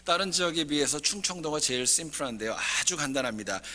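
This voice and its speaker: A man's voice: a little high, lively intonation, quick pace, bright, forceful tone, a little hiss or hum. A male pastor giving a Sunday sermon in a church, mixing folksy jokes with scripture. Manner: folksy jokes with dialect impressions before scripture. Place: church sanctuary.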